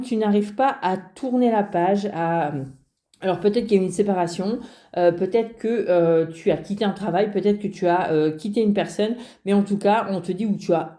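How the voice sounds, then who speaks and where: A woman giving a casual card reading to her viewers, talking straight to them with many pauses and restarts. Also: medium pitch, warm tone. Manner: hesitant, many fillers and restarts, addresses viewer directly. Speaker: card reader. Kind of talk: casual spoken tarot reading.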